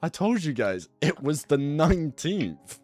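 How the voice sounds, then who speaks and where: A man acting as dungeon master, chatting casually with his players before the session, laid-back and quick to laugh. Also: fairly high pitch, very animated, darkish tone, faint music behind. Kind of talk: casual chat before a tabletop game. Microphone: headset.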